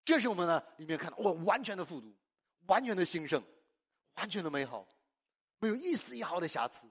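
A man's voice: high-pitched, sing-song, a little fast, fairly bright tone, breathy edge. A man from China preaching a sermon, exuberant and emphatic, asking the congregation questions and answering them himself. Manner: call-and-response, asks the congregation and answers himself; exuberant and emphatic, laughs often.

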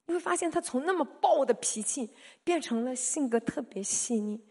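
Middle-aged woman preacher, slightly high-pitched, animated sermon delivery with emphatic loud peaks. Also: moderate pace, slightly rough.

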